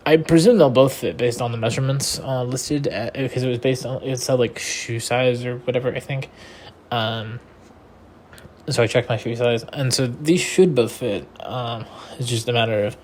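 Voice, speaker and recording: Tired young guy just rambling to his listeners, lots of ums and restarts, average pitch. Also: a little mellow, a little hiss or hum. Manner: meandering, many fillers and restarts. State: tired and yawning. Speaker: podcast host. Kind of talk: casual rambling monologue.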